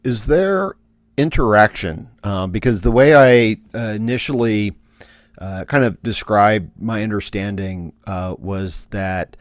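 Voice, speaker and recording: Low-voiced man hosting an interview. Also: measured pace, no room sound. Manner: hesitant, many uh fillers. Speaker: podcast host. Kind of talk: interview questions.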